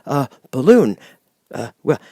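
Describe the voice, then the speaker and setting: A man's voice: medium pitch, very animated, takes it slowly, dark tone, no room sound, clean studio sound, pitched above the performer's own voice, heavily acted. A man voicing a nervous, flustered little humbug wizard for an audiobook, stammering and repeating his words. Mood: flustered, musing. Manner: stammering, hesitant, repeating words with ums and chuckles. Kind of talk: audiobook character voice.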